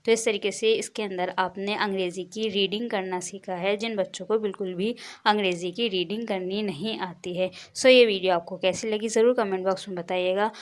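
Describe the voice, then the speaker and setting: A woman teaching beginners to read English words, spelling letters out slowly and repeating each word patiently. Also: mid-range voice, fairly even intonation. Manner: slow, deliberate spelling out of letters. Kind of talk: step-by-step spoken lesson.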